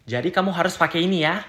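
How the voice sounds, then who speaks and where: A woman's voice: fairly low pitch, creaky, heavy background noise. A woman teaching everyday phrases in short comedic clips, acting each one out with playful exaggeration. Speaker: content creator teaching Japanese phrases.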